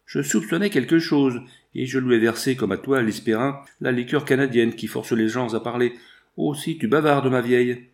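A man's voice: mid-range voice, close to an everyday voice. Give me a man doing a taunting, scheming villain in a storybook reading. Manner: taunting, gloating. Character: scheming male villain, gloating blackmailer.

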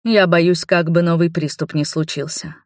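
A woman's voice: lowish voice, steady tone, moderate pace, a little mellow, no room sound, studio quality, close to an everyday voice. A woman voicing an imperious noble mother who insists on answers in a commanding tone. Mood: insistent.

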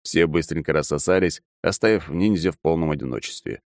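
A man's voice: very deep voice, a little fast, gravelly, dry recording, studio quality. A man reading a story aloud in a wry, sarcastic manner. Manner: wry, sarcastic, lively delivery. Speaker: audiobook reader. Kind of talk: scripted narration.

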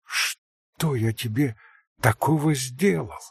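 Man doing a soft-spoken, tender young monk, gravelly quiet voice, audiobook. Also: high-pitched, expressive, very slow, dry recording, studio quality, voice pushed up, heavily acted.

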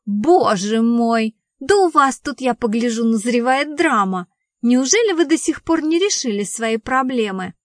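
A woman voicing a theatrical, indignant wife who talks loudly in exclamations, as an audiobook dialogue reading. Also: high-pitched, expressive, moderate pace, no echo, studio quality, voice pushed up. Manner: loud, exclamatory.

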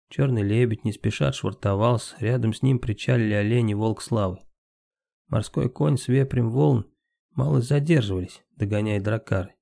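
A man reading a story aloud as an audiobook narrator, steady scripted narration. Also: lowish voice, creaky, no room sound, studio quality.

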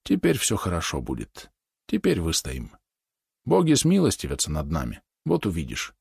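A man voicing an enraged middle-aged male merchant, hoarse and roaring in a storybook reading. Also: mid-range voice, big pitch swings, slow pace, a bit bright, dry recording, clean studio sound, voice pushed up. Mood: hushed soothing.

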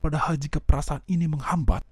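A man's voice: on the high side, fairly even intonation, fast, husky, no room sound. A man giving a self-help lesson, speaking directly to listeners and asking them questions. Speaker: motivational speaker.

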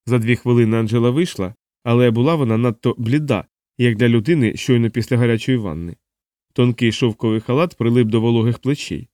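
A man narrating an audiobook in an even, measured storytelling voice. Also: medium pitch, no room sound, studio quality.

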